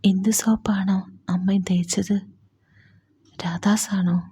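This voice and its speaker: A woman whispering the part of a young man grieving a lost mother, in a soft, pleading whispered role-play. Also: medium pitch, steady tone, slow, breathy edge, exaggerated voice.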